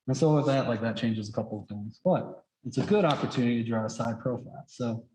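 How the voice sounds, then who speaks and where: A man with a dark, medium-pitched voice speaks quickly through a face mask while teaching drawing, thinking aloud in a loose, chatty, rambling style packed with "like." The sound is echoey and roomy, with a bit of hiss or hum.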